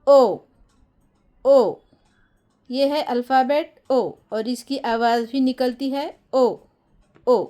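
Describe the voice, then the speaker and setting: A woman's voice: sits high, steady tone, takes it slowly, dark tone. A woman teaching English letter sounds to beginners, patiently repeating each sound several times and speaking directly to her viewers with encouragement. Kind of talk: phonics lesson for beginners.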